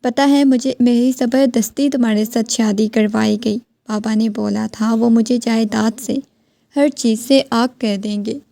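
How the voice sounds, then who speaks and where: A woman's voice: fairly high pitch, steady tone, vocal fry, dark tone, dry recording. A woman reading the lines of a stern, defensive young husband in a firm, reasoning voice.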